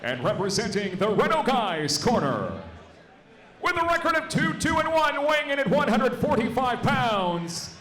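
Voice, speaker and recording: A man working as ring announcer, calling the fighters with booming, drawn-out announcements. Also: big pitch swings, a bit bright, some chatter behind. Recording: echoey arena PA from far off.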